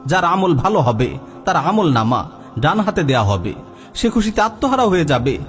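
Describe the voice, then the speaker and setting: A man's voice: fairly high pitch, sing-song, normal speed, soft background music. A man delivering an earnest religious sermon, addressing listeners directly and chanting Arabic verses between his own explanations. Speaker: preacher. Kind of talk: religious sermon with Quran recitation.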